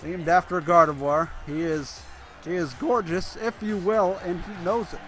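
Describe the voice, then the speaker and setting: A high, bright male voice calls a wrestling card with runaway excitement, fumbling names and hastily correcting himself. Faint entrance music hums behind him. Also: moderate pace. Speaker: play-by-play commentator. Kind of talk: wrestling commentary.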